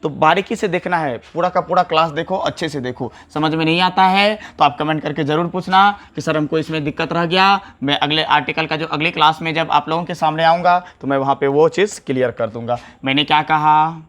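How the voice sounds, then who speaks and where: A man gives a grammar lesson in a high, bright voice. He repeats key words over and over and keeps asking his students questions. He speaks as a teacher working at a whiteboard. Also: a little fast, few pauses. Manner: explains, repeats words, asks rhetorical questions. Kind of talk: classroom lecture to camera. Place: classroom with a whiteboard.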